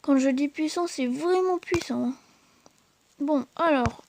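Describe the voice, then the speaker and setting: High-voiced woman giving hesitant gameplay commentary. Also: takes it slowly, a little mellow, slight background noise. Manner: hesitant, full of fillers and restarts; chatty, addresses viewers directly. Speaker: gaming channel host.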